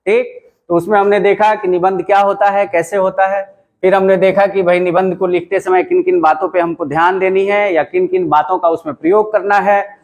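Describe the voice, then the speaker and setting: A man's voice: high-pitched, fairly even intonation, moderate pace, darkish tone, muffled recording. A man teaching a classroom lesson, explaining step by step and repeating points for emphasis, with a Bihari Hindi accent. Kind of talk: classroom lecture. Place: classroom with a writing board.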